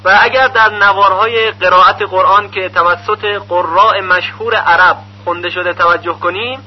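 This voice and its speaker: A man's voice: high voice, steady tone, husky. A man teaching Quran recitation, explaining pronunciation rules patiently and methodically. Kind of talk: instructional lesson. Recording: muffled lo-fi recording with faint hum.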